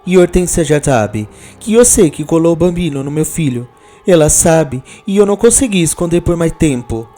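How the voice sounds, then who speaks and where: A man voicing a fiery, anxious Italian immigrant mother with an Italian accent, speaking high and insistent. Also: expressive, normal speed, few pauses, mellow, faint music behind, natural voice.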